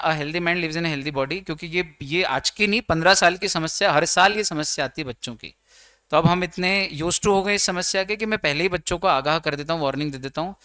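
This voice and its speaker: A man's voice: fairly high pitch, pushed and bright, clear, resonant tone, dry recording, studio quality. A man teaching law in an exam-prep lecture, chatty and teasing, slipping English terms into his explanations.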